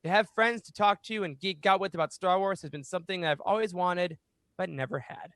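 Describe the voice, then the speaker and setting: A high-pitched man hosts a fan podcast, reading aloud at a slightly fast pace with a fairly bright tone. He records in a small room at home on a close studio microphone mounted on a boom arm, giving a dry sound.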